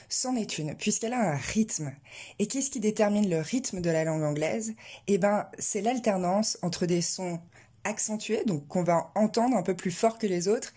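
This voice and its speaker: A woman teaching an English pronunciation lesson, explaining clearly and slowing down to model words. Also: medium pitch, mellow.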